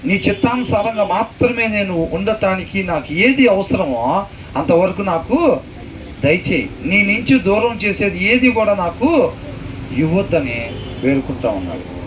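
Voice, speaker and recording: A man teaching a Bible lesson as a pastor, questioning his listeners and repeating verses slowly. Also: high-pitched, sing-song. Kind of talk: conversational sermon with questions to the room. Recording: far from the mic, faint noise.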